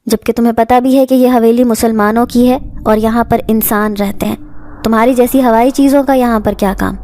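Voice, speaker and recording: A woman's voice: fairly high pitch, fairly even intonation, warm tone, dry recording, lightly acted. A woman voicing a stern older male exorcist who questions sharply. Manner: stern, scolding.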